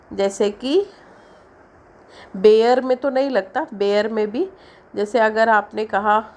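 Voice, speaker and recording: A woman teaching an English syllabus lesson in Hindi, explaining slowly and stretching out the example words. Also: on the high side, a little mellow.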